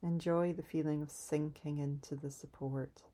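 A woman leading a calm guided grounding exercise in a soft, soothing, unhurried way, pausing between instructions. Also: deep voice. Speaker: meditation guide.

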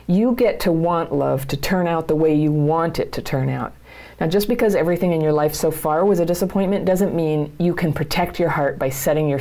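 A middle-aged woman with a low voice, talking straight to her viewers about their lives. Her tone is dark and mellow, with a gravelly edge. She speaks as a coach, earnest and plain-spoken. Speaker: channel host and coach. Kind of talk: direct-to-camera advice talk.

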